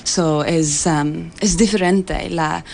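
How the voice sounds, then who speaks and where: Irish woman, English native, slow halting learner's Spanish, lowish voice, some background noise. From Ireland. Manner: giggly, laughs often. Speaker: interview guest, Gaelic football coach. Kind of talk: casual radio interview in halting Spanish. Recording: clear steady background noise.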